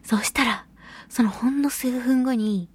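Unhurried and a little high, with a darkish tone and a breathy edge, this woman's voice carries a solo radio chat show. She's a voice actress sharing personal stories with giggly self-deprecation, playing out small quoted lines as she goes.

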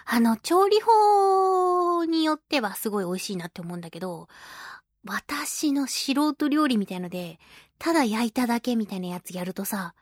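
A woman's voice: on the high side, lively intonation, moderate pace, dry recording, clean studio sound. A woman hosting a casual radio show who chats playfully, laughs often and acts out the voices she quotes. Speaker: radio show host and children's singer. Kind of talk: casual radio chat reading listener mail themes.

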